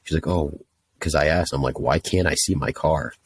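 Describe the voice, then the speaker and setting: A man's voice: extremely low pitch, normal speed, breathy edge. A young man telling a story casually, ranting in an exasperated, profane way. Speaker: podcast host telling a story.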